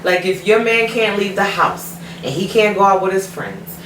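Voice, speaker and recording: A woman's voice: mid-range voice, normal speed, a bit bright. A woman co-hosting a casual podcast chat, blunt and tipsy, laughing and swearing freely. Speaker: podcast co-host. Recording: echoey room, mic far off, faint noise.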